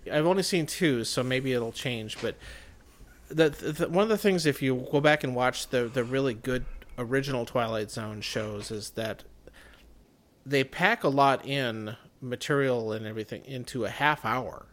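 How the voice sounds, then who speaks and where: A man in an easygoing podcast conversation, weighing his opinions aloud. His voice sits at an ordinary middle pitch, and his sentences often fade to a quieter close. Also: moderate pace. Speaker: podcast co-host. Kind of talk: casual chat.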